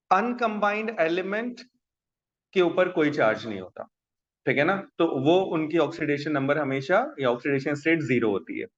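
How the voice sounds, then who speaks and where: A man's voice: on the high side, fairly bright tone. A man with a Pakistani accent teaching a class in an instructive way, repeating key terms and often checking that students follow. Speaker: chemistry teacher. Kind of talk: classroom lecture mixing explanation and questions to students. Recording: dull, echoey room sound.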